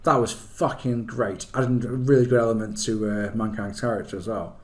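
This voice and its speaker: A man's voice: lowish voice, fairly even intonation, normal speed, darkish tone. Enthusiastic, sweary man chatting about wrestling. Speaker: podcast co-host and former wrestling performer. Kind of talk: casual wrestling podcast chat. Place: remote online call.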